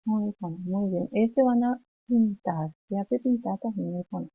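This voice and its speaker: A woman teaching young children, slowly saying words and phrases for them to repeat back. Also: medium pitch, no room sound, narrow, tinny audio. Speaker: preschool teacher. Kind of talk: remote language lesson for young children.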